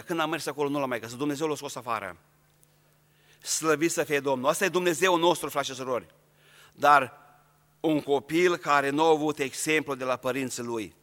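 Man, preacher, earnest sermon to the congregation, bright ringing voice, long hall echo. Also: a little high. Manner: earnest, addresses the congregation directly.

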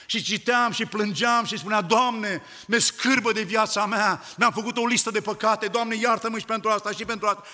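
A man preaching a fervent sermon in church, often rising to loud declamation. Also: high voice, fairly even intonation, few pauses, long reverb tail.

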